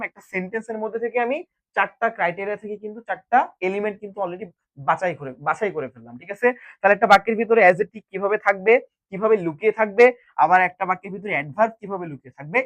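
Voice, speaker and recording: A man's voice: sits high, racing, a bit bright, no echo. A man teaching a grammar lesson, often putting a question to the viewers and answering it himself. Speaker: English teacher. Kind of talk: classroom-style grammar lesson.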